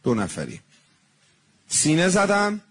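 A man delivers a sermon with a husky, slightly high voice. He tells stories earnestly and slows down on devotional phrases. The tone stays serious and heartfelt. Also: wildly swooping pitch, a bit bright. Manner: earnest storytelling preacher, slowing on devotional phrases. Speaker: religious preacher.

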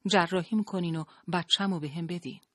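A storyteller voicing a frightened young wife in an audiobook, soft and plaintive. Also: medium pitch, steady tone, dry recording, studio quality, pitched above the performer's own voice, natural voice.

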